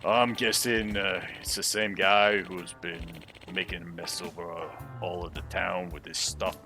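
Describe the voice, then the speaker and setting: A man voicing a businesslike police officer in a video game, in a halting, matter-of-fact way. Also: sits low, steady tone, bright, forceful tone, soft background music, voice pushed down, exaggerated voice.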